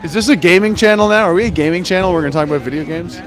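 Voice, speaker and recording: A man with a high voice talks at a racing pace while hosting a casual livestream from an outdoor street protest. Chatty and friendly, he approaches strangers and invites them on. Crowd noise and music fill the background.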